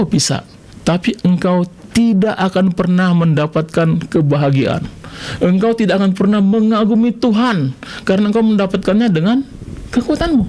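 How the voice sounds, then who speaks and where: A middle-aged preacher from Medan with a high voice gives his testimony on radio. He swings between big exclaims and quiet, confiding asides. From Indonesia, Medan. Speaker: pastor guest.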